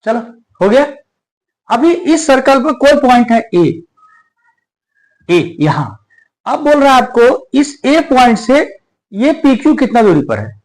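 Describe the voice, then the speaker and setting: A man with a high voice teaches a maths class. His pitch rises and falls a lot as he explains. He keeps checking whether his students follow him. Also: very animated, unhurried, pauses often, poor audio. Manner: explains step by step, asks the class questions. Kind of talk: whiteboard maths lesson.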